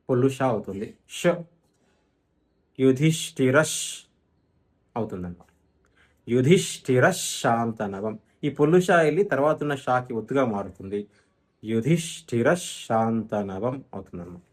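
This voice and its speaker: A man gives a careful pronunciation lesson at a middle pitch. He asks his own questions, answers them, and slowly chants verse lines as examples. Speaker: chanting teacher.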